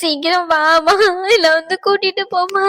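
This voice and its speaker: A woman's voice: very high-pitched, steady tone, moderate pace, pushed and bright. A woman voicing a frightened young married daughter who pleads through sobs for her mother to fetch her. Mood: sobbing. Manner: pleading, sobbing.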